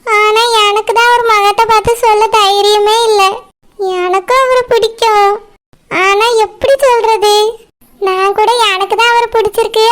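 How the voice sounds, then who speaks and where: A woman voicing a timid, shy young village girl in a cartoon, speaking slowly and hesitantly with a Kanyakumari Tamil accent. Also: very high voice. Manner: hesitant, slow, fearful pleading. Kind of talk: cartoon voice acting.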